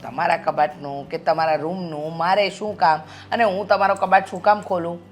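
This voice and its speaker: A woman's voice: lowish voice, fairly even intonation, brisk, faint music behind, lightly acted. A woman playing a lecturing mother-in-law. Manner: reassuring, lecturing. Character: mother-in-law calmly lecturing her daughter-in-law. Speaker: actor in a web drama.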